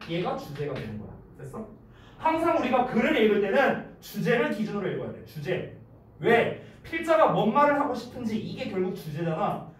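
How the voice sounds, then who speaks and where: A man tutors English in a casual, lively lecture. His high voice swings widely, and he checks often whether his students are following. He is heard from far off in a very echoey room with faint noise behind. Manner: keeps checking understanding with quick questions; lively, gives acted-out examples.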